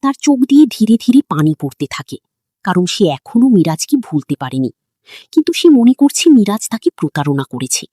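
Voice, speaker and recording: A woman narrating a recap of a drama episode in an expressive, dramatic storytelling manner. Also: medium pitch, fairly quick, dry recording, clean studio sound.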